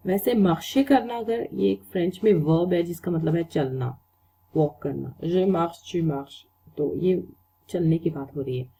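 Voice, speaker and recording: A woman teaching French in a casual spoken lesson, explaining slowly and repeating each word for pronunciation. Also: lowish voice, gravelly, dark tone, husky.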